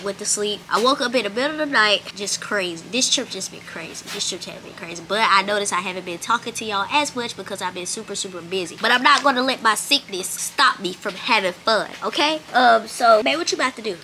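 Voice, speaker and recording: A woman's voice: medium pitch, sharp tone. A woman vlogger chatting casually and informally to her viewers in slangy speech, recorded on a phone. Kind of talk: casual vlog chat to viewers. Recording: noisy outdoor phone recording.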